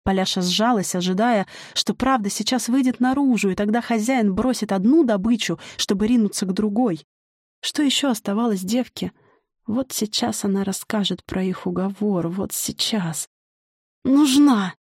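A woman reading a dark folk fantasy as an audiobook narrator, measured and dramatic. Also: mid-range voice, breathy edge, no echo, clean studio sound. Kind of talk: scripted narration.

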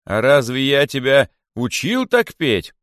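A man's voice: mid-range voice, big pitch swings, moderate pace, no room sound, studio quality, natural voice. A man doing a stern, grim rabbit king. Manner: stern, sarcastic, commanding. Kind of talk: audiobook character voice.

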